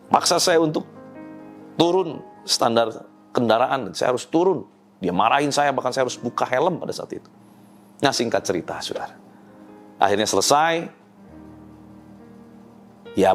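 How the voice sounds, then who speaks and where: A man preaching a daily devotional sermon, speaking earnestly and personally to his listeners. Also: lowish voice. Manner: animated delivery with swelling emphasis. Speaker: pastor.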